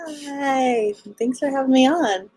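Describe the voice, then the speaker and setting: A podcast guest who co-founded the show and organizes events, this woman from Los Angeles, United States, speaks with a Californian Valley Girl accent in a high, slow, slightly mellow voice with a breathy edge. The low-quality recording has no echo. In a casual live interview, she chats in a bubbly, slangy sorority-girl way.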